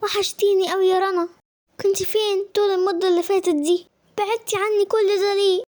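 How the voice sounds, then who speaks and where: A woman's voice: very high voice, flat delivery, quick pace, darkish tone. A woman voicing an obsessive neighbor who insists a girl is her daughter, in Egyptian Arabic. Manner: insistent, pleading.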